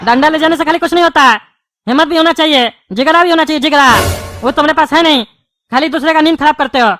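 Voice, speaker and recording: A woman's voice: sits high, quick pace, fairly bright tone, soft background music. A woman voicing a quarrelsome bald male politician in a cartoon, speaking in a scolding, name-calling manner. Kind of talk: cartoon dubbing.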